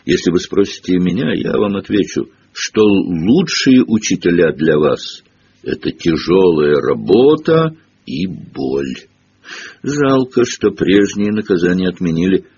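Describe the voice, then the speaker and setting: A man voicing a spiteful old male school caretaker who talks in a slow, gloating, menacing way. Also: low-pitched, sing-song, a little mellow, lo-fi sound, a little hiss or hum, heavily acted.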